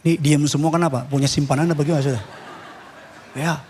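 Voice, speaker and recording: A male pastor preaching from the pulpit in a lively, humorous way, acting out the voices of his congregants. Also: a little high, fast talker, long reverb tail, a little hiss or hum. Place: church pulpit.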